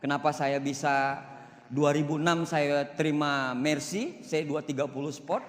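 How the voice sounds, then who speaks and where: A man, giving a seminar success talk, animated and boastful, joking and swinging between loud and soft. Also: a little high, measured pace, a faint crowd, a little hiss or hum. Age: 40s. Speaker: motivational speaker. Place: large hall. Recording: reverberant hall.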